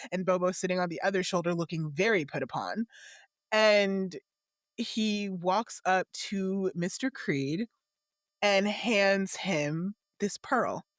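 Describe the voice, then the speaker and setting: A woman playing a tabletop game, describing her character's actions in long, animated run-on sentences. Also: lowish voice, no echo, clean studio sound. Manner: animated, laughing often, run-on storytelling. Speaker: player.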